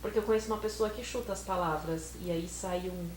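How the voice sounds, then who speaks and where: A woman's voice: lowish voice, fast, darkish tone. Easygoing woman guessing answers. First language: Portuguese. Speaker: co-host playing the student. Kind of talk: casual bilingual lesson chat. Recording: echoey room, faint hum.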